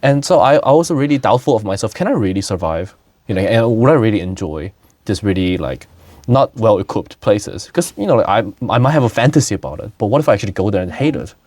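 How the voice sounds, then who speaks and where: With an expressive, darkish voice on the low side, a young podcast host from South Korea talks quickly in a casual conversation. Frequent laughter, fillers and restarts mark his speech, and there is no room sound.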